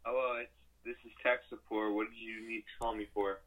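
A man's voice: lowish voice, flat delivery, brisk, fairly bright tone, poor audio. A young man grumbling and joking casually as a podcast co-host on a call. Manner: grumbling, mumbly, self-mocking.

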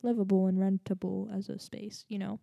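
A woman's voice: mid-range voice, little pitch movement, fairly quick, gravelly, warm tone, no echo, muffled recording. A woman with a slight lisp, telling a story in a casual, rambling way with lots of fillers and asides.

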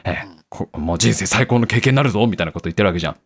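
A young man hosting a comedic radio talk show, reading listener mail and acting out quick skits with frequent laughter. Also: fairly low pitch, slightly rough. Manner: animated, acts out skits with quick voice changes; laughs often.

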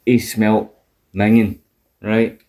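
A man's voice: fairly low pitch, level tone, takes it slowly, mellow. A man with a broad Scottish accent chatting casually and telling stories in a coarse, sweary, colloquial way. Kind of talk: casual chat, animated storytelling.

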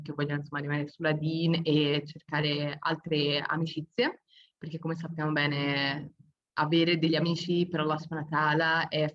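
A woman in her twenties chatting casually as a podcast guest, with effusively thankful, devout turns of phrase. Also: low-pitched. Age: 20s. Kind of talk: casual interview chat. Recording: dull lo-fi call audio.

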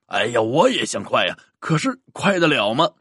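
A man's voice: medium pitch, big pitch swings, normal speed, fairly bright tone, breathy edge, no echo, studio quality, full character voice. A man voicing a short-tempered middle-aged male ambulance driver, snapping back irritably. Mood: irritated.

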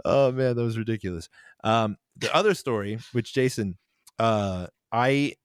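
A man's voice: mid-range voice, expressive, unhurried, clear, resonant tone, dry recording. A young man rambles through a road story on a casual podcast, his mid-range voice breaking into laughter now and then. The sound is dry and close, with no room around it. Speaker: podcast co-host, band member.

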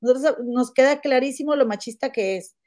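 A woman hosting a casual gossip podcast, chatty and animated, often calling her listener "comadre". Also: high voice, brisk. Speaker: podcast host.

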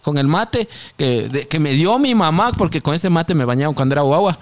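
A man chatting casually on a podcast, with a slightly high voice that swings up and down constantly. He talks quickly and uses heavy slang. He often jumps into shrill voices to mimic other people. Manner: slangy, animated, peppers speech with "loco". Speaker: podcast host. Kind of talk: casual chat.

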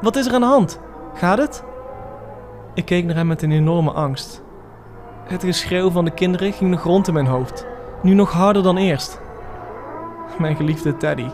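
A man reading a dramatic first-person horror story for a podcast, measured and tense. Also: a little high. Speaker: podcast narrator. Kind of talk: scripted horror story narration.

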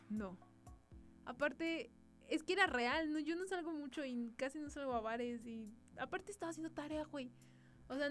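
A young woman with a Mexican accent, telling an exasperated, slangy story as a podcast host. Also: a little high. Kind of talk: casual storytelling monologue.

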